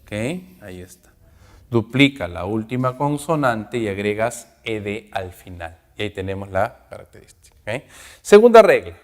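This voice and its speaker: A man's voice: lowish voice, big pitch swings. Man teaching grammar in an echoing room. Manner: explains slowly, checking with "ok?" after each point. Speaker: English teacher. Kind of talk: recorded grammar lesson.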